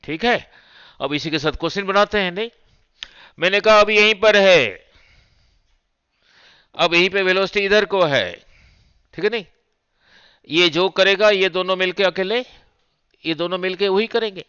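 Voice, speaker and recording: A man's voice: sits high, a little slow, pauses often, pushed and bright, clean tone, no room sound, highs cut off. A man teaching physics revision in Hindi mixed with English terms, quizzing his students with repeated checks as he works through diagrams. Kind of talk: fast exam revision lecture.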